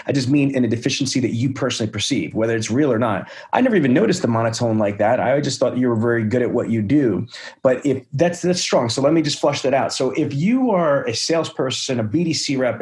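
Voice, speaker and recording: A sales trainer who hosts a podcast speaks in a mid-range, darkish voice. Full of energy and enthusiasm, he hands out praise and sets up role plays.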